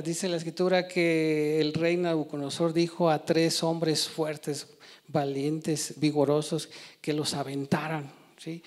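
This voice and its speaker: Male preacher, emphatic sermon delivery, voice on the higher side. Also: darkish tone. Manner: emphatic with frequent rhetorical "¿sí?" and "hermanos". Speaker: church preacher.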